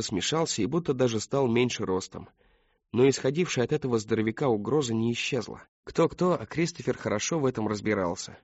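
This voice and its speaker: A man narrating an audiobook in a calm, even storytelling manner. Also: medium pitch, no echo, highs cut off. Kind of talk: scripted narration.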